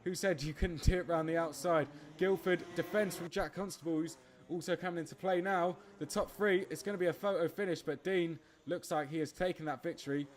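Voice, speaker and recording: A man calling a kart race live, excitable, breaking into laughs and tripping over his words. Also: a little high, brisk, few pauses, a little hiss or hum. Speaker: race commentator. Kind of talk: live motorsport commentary.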